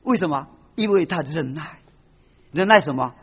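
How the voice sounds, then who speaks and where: A man preaching a sermon with animated delivery, acting out short quoted voices and slipping in English words. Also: a little high, normal speed, husky, big-room sound. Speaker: pastor. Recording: dull lo-fi recording.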